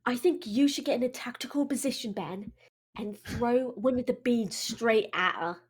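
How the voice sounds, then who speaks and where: High, husky-voiced woman gaming casually. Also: normal speed. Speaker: tabletop game player. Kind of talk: casual, playful table chat.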